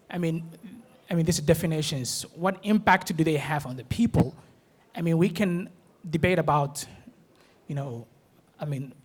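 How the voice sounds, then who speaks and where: Man from Somalia, forum participant, slightly higher voice, hesitant and halting. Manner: hesitant, many fillers and restarts. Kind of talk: panel discussion remarks.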